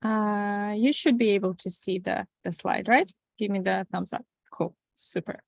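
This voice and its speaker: Latvian-born woman presenter, gravelly and dry, chatty and halting. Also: mid-range voice, fairly even intonation, no echo. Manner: conversational, with frequent restarts and fillers. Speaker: webinar facilitator. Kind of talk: online presentation. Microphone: video call.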